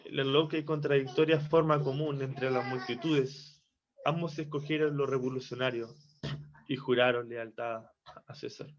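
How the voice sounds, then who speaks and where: A man's voice: mid-range voice, fairly even intonation. A man giving a devotional Bible teaching from Chile, reflective and repeating phrases for emphasis. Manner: slow, reflective, with restarts and emphatic repetition. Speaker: preacher. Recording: dull lo-fi recording.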